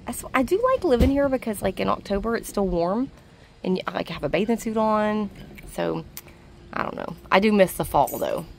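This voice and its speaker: A woman's voice: medium pitch, lively intonation, a little fast, vocal fry, darkish tone, slight background noise. A woman chatting casually to the camera in a vlog, laughing often, recorded outdoors on a docked boat. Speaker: vlog co-host.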